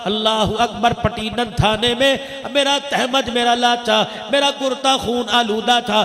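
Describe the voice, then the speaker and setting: A man's voice: extremely high pitch, a bit bright. A man preaching a sermon, telling a story with an impassioned, chanting cadence. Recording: echoey hall with long reverb.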